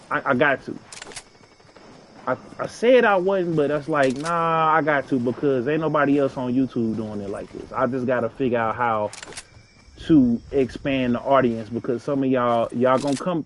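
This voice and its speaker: A man with a St. talks while he plays a game, earnest and a bit preachy. He circles back and repeats phrases to press his point home. A faint hiss sits under his mid-pitched voice. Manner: earnest, preachy, repeats himself, street slang. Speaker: gaming streamer. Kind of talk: casual advice talk while gaming.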